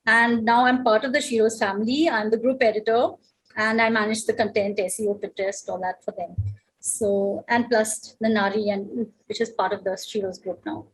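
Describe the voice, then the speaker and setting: A middle-aged woman from India speaks on a video call, in a husky voice pitched a little high. She chats freely, with plenty of fillers and restarts. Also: steady tone, moderate pace, rough recording. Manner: chatty, with many fillers and restarts. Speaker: guest speaker.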